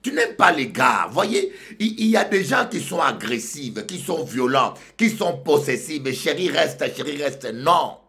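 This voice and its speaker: A male pastor from Congo, preaching a sermon that swings from loud outbursts to low murmurs. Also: big pitch swings, a little slow, few pauses.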